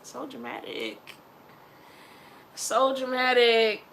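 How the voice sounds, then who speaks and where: In her personal vlog, a young Philly-accented woman from Philadelphia chats and rambles, laughing often and bringing up her faith. She speaks slowly in a fairly high, sing-song voice that is fairly bright and has vocal fry.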